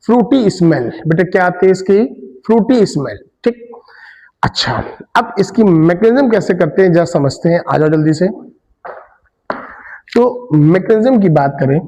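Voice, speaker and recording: A man's voice: high voice, expressive, normal speed, pauses often, mellow, long reverb tail, poor audio. A male chemistry teacher giving a classroom lecture. He mixes Hindi with English terms and keeps asking students questions, then answers them himself.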